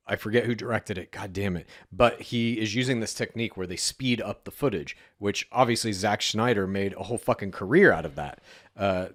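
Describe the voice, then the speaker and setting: Man from Texas, deadpan podcast co-host, lowish voice, dry close sound. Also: no echo. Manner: deadpan, matter-of-fact storyteller. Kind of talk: casual comedic chat.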